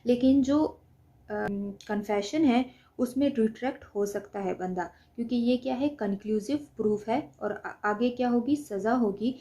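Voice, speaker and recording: Through dull audio, a Pakistani-accented woman with a high voice and a dark tone lectures at a measured pace. Her explanatory law lesson switches between Hindi-Urdu and English legal terms, and she often asks questions only to answer them herself in a didactic manner.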